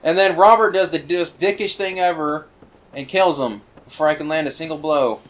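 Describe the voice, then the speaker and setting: A man giving casual, rambling commentary on a video game he is playing, full of fillers and excited asides. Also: on the high side, normal speed. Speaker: let's play commentator.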